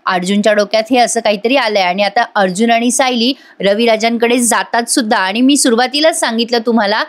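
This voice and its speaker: A woman's voice: fairly high pitch, a little fast. A woman giving a chatty voice-over recap of a TV serial and speaking directly to her viewers. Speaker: serial reviewer.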